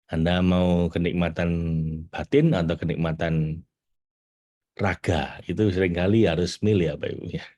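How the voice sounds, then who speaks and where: A middle-aged man giving a lively spiritual teaching talk to an audience, jumping to high excited bursts and slowing down to read quotes. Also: muffled recording. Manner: animated, rising to high excited bursts, reads quotes slowly. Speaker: spiritual trainer.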